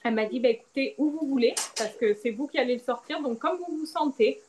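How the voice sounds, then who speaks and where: Animated young woman telling a story. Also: fast talker, a little hiss or hum, low-quality recording. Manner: animated, acts out quoted dialogue with big pitch swings. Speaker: guest. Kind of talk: candid storytelling about childbirth.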